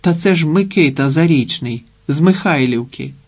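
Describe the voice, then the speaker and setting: A man's voice: medium pitch, normal speed, darkish tone, natural voice. A man reading the lines of a blunt Cossack in an audiobook. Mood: grim.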